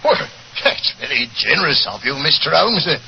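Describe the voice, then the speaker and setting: An actor playing a deferential, plain-spoken police inspector in a 1940s radio drama. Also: male voice, a little high, very animated, moderate pace, creaky. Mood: respectful, pleased. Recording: dull, noisy 1940s radio recording.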